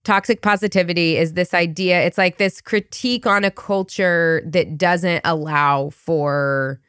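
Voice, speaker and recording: Low-voiced woman podcast host. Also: steady tone, a little slow, fairly bright tone, smooth, no room sound, clean studio sound. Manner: curious, thoughtful, rambling questions. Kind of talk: interview conversation.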